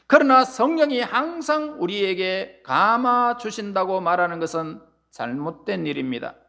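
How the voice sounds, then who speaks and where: A man's voice: high voice, fairly bright tone. A male pastor preaching a sermon in church, pressing words with rising emphasis and letting phrase endings fall away. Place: church sanctuary.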